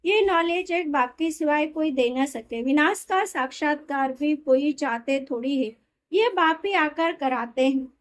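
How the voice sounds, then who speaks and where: A woman reading a spiritual discourse aloud in a steady, explanatory way, sometimes correcting herself mid-word. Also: sits high, measured pace. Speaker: reader of a daily spiritual discourse.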